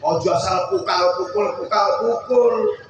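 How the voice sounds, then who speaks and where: A man with a Javanese accent preaching a humorous sermon, quizzing the audience and breaking into slow sung refrains. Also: sits high, steady tone, slight background noise. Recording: echoey far-off hall mic with music. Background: music band.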